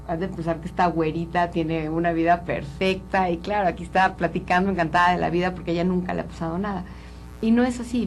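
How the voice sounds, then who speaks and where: A woman's voice: lowish voice, vocal fry, darkish tone, rough recording. A woman from Colombia, a psychologist speaking earnestly and openly as an interview guest. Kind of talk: candid interview talk.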